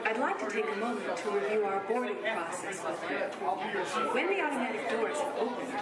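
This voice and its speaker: A woman giving a formal, scripted boarding and safety announcement over a public-address loudspeaker in a large indoor queue hall. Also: a little high. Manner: polite, formal, instructive. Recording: echoey hall from far off, loud crowd. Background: loud crowd chatter.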